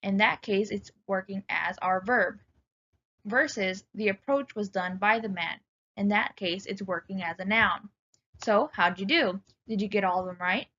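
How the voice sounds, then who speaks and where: A woman giving a recorded writing lecture, speaking clearly and instructively and addressing students directly. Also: mid-range voice, a little slow, bright, forceful tone, muffled recording.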